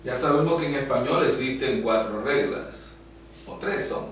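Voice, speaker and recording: A man teaching a class, explaining slowly with frequent pauses and fillers at a whiteboard. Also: mid-range voice. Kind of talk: classroom lecture. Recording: echoey room from far off, faint hum.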